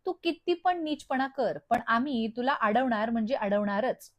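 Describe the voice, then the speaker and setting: A bold rustic village girl who taunts her rival with defiant swagger. A woman recapping the episode voices her in a fairly high voice, close to her own. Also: lively intonation, moderate pace, lo-fi sound, natural voice.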